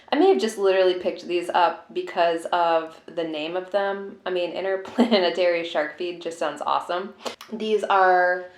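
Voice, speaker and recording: Woman chatting casually in an echoey room. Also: fairly low pitch. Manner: informal, rambling, hesitant musing. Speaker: tea vlogger. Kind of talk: casual unboxing chat. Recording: roomy, echoey room sound.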